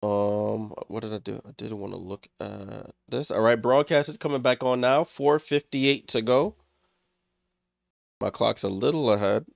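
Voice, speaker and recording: A man with a fairly low, gravelly voice hosts a live watchalong stream at a measured pace, calling the game in short, clipped play-by-play bursts and chatting with viewers. He sounds slightly under the weather and congested, and the dry recording has clean studio sound.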